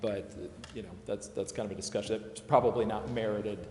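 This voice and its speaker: A consultant presents to a city council in a large indoor chamber, hedging and repeating himself as he explains things. His voice is fairly low, steady, a little fast and darkish, and the echoey hall adds background noise.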